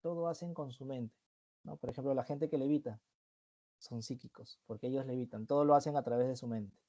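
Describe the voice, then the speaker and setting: A man's voice: medium pitch, steady tone, a little fast, dark tone. A man teaching an online review class, explaining terms step by step and often checking in with the students.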